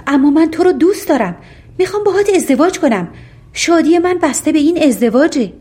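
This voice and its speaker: Woman narrator voicing a confident, insistent fairy-tale suitor, slightly high, storybook reading. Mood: pleading. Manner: steady, insistent. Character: proud clever ugly fairy-tale suitor, man.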